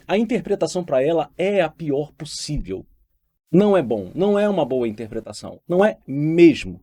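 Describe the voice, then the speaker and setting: A man's voice: a little high, warm tone. A Brazilian man, a law teacher for exam candidates, giving an emphatic motivational talk with personal stories and repeated phrases. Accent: Brazilian Portuguese.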